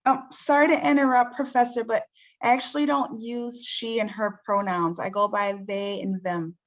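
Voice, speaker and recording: A woman reads a young nonbinary college student who gently corrects the professor. The voice is slightly high, polite and tentative. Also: steady tone, moderate pace, close to an everyday voice, poor audio. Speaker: student leader reading a training scenario. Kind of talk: read-aloud role-play scenario.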